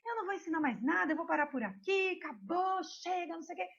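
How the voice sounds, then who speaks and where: A woman's voice: high-pitched, animated, fast talker. A woman doing a grumbling, impatient god. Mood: grudging. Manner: grudging, curt, scolding. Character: grumbling male god, gruff and impatient husband. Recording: dull lo-fi recording.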